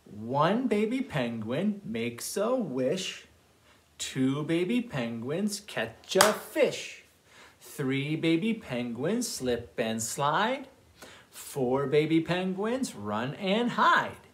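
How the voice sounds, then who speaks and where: A man who is a children's librarian, reading picture books aloud at storytime in an animated, expressive voice. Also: a little high, drawn-out words.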